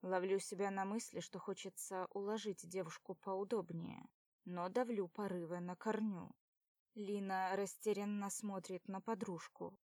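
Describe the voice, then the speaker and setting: A woman narrating an audiobook in a steady storytelling manner. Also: mid-range voice, unhurried, no echo, clean studio sound.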